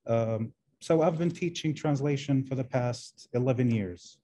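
A man from Kuwait, Arabic his first language, talks over a video call from an indoor room. His voice is warm and dark at a middle pitch. He searches for words, restarting often and filling pauses with "um". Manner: hesitant, many fillers and restarts. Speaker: guest, translation professor.

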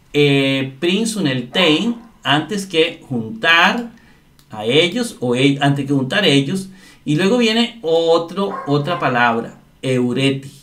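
Male teacher, unhurried delivery, repeats key terms, walks through grammar step by step. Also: medium pitch, fairly bright tone. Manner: slow, explanatory, repeats words and asks "¿verdad?". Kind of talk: screen-share grammar lesson.

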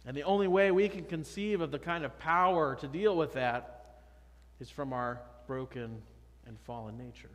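The man's voice leans high and keeps a moderate pace. He's a pastor in his thirties preaching emphatically but conversationally at a church pulpit, with a pulpit microphone, a far camera, and the long reverb of the sanctuary.

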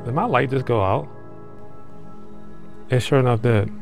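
A young man vlogging as he explores a dark abandoned building, making slow, awed remarks into a handheld camera. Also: medium pitch, vocal fry, faint music behind. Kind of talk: casual exploring vlog. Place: dark abandoned hotel indoors, then street at night.

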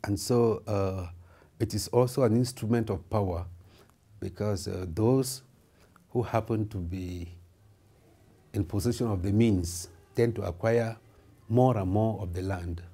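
In a wood-paneled office, a middle-aged lawmaker and lawyer from Cameroon answers interview questions formally and reflectively, hesitating often. His voice sits on the low side, dark and slightly rough, with a measured pace and long pauses.

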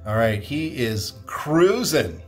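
A man's voice: mid-range voice, big pitch swings, slow, faint music behind. Chatty upbeat man hosting a tabletop game. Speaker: game host. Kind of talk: casual tabletop game commentary.

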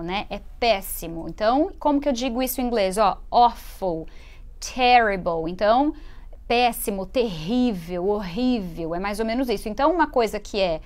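A woman from Brazil hosting a live online English lesson, explaining words in a lively way and getting viewers to repeat after her. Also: a little high. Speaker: English teacher and show host.

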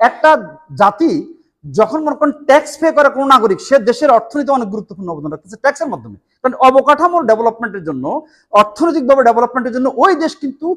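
A man in his forties from Bangladesh with a Bangladeshi Bengali accent, giving an animated motivational seminar in a meeting room on a lapel mic, full of rhetorical questions. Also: extremely high pitch, racing. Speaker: motivational speaker.

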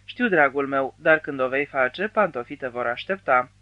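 A male narrator voicing a caring, resourceful wife in an audiobook, speaking gently and affectionately. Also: medium pitch, expressive, no room sound, lo-fi sound, lightly acted.

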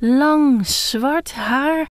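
A woman's voice: on the high side, slow pace, no echo, clean studio sound, full character voice. A woman voicing a talking bald head of a young man, bookish and full of eager questions. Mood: excited. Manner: excited, tumbling questions.

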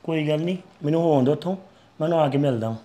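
A man's voice: on the high side, fast, dark tone, lightly acted. A young man playing a grown son who keeps soothing his parents and promising to behave. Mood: placating. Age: young adult. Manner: placating, repeats reassurances. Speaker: actor. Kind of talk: family drama skit.

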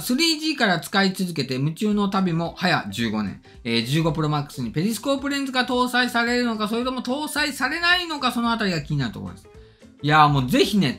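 A middle-aged man hosts a casual tech chat in a quick, very animated delivery that swings widely in pitch. His diction is slightly slurred from orthodontic braces, and he reads comments and replies politely with emphasis. Faint music plays behind him. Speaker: YouTube tech channel host. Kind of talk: casual chat, reading and answering viewer comments. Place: indoor studio or room, seated at desk.

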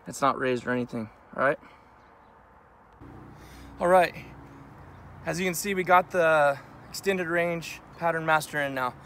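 A man in his thirties reviews gear casually at an outdoor shooting range, explaining things in a plain, matter-of-fact way. His voice is slightly high and a bit bright, captured by a camera mic a few steps away.

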